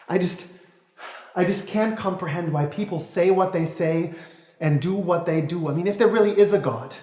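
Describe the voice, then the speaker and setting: A man's voice: a little high, darkish tone, reverberant, long reverb tail, close to an everyday voice. An actor playing a bitter, cynical man who rants sarcastically and keeps correcting himself with nervous laughs. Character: bitter, cynical adult man ranting about lost faith. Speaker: actor in a stage-style monologue. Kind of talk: dramatic monologue.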